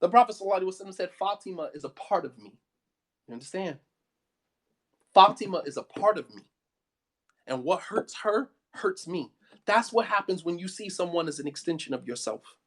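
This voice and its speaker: In a high, fairly bright voice with lively intonation, the American Islamic studies teacher speaks a little fast but leaves long pauses. He argues emphatically and passionately, repeating himself and asking "you know what I mean" to check that listeners follow.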